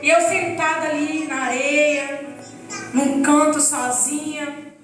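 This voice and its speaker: Very high-voiced woman testifying in church. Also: fairly even intonation, slow, a bit bright. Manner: earnest, emotional storytelling. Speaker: church member giving a testimony. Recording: echoey hall, distant mic, faint music.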